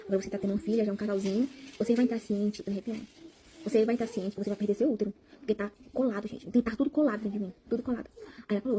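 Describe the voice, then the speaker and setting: A woman's voice: medium pitch, dark tone, a little hiss or hum. A young Brazilian woman telling a personal testimony to her viewers in a rambling, emotional way, repeating words and calling out to them. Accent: Brazilian Portuguese. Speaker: vlogger sharing a personal testimony.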